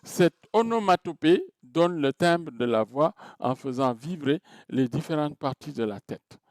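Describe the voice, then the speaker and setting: Slow, hesitant male lecturer. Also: on the high side, lively intonation, no echo, studio quality. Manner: hesitant, many filler sounds and restarts; explains step by step, counts items aloud. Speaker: teacher. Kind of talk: recorded lecture to students.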